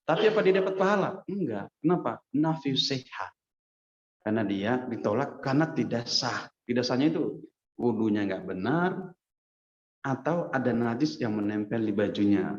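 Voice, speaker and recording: A man preacher giving a casual, lively hadith lesson in a mosque, often turning to his listeners and acting out quotes. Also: medium pitch, moderate pace. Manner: lively, addresses listeners as Pak, acts out quotes. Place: mosque hall. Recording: echoey dull mosque recording.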